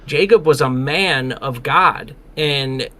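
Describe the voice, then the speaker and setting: Bright-voiced man retelling Bible stories. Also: mid-range voice, slow. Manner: animated, slangy, retells scenes in acted quotes. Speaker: podcast co-host. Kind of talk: casual Bible discussion.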